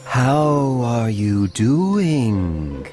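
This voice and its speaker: A woman voicing a sly, languid grinning cat from a storybook, with drawn-out words. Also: very deep voice, very animated, mellow, faint music behind, voice pushed down, heavily acted. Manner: slow, drawn-out speech.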